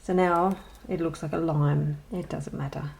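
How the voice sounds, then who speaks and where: A woman hosting a colouring channel speaks in a deep, steady, slightly mellow voice with vocal fry and an unhurried pace. She rambles and hesitates through a casual show-and-tell vlog, with many ums and self-deprecating asides. There is slight background noise.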